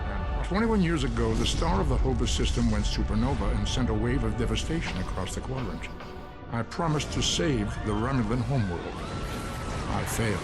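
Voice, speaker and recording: Male actor as solemn elderly Vulcan elder; grave, measured game narration with loud music underneath. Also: mid-range voice, close to an everyday voice. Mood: sorrowful, grave. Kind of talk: dramatic scripted game narration.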